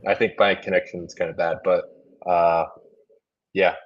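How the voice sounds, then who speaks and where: Low husky man on a glitching call. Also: flat delivery, measured pace, dull audio. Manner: hedging, full of fillers and restarts. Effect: glitching, dropping call audio. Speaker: podcast host. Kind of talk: casual sports chat over a call.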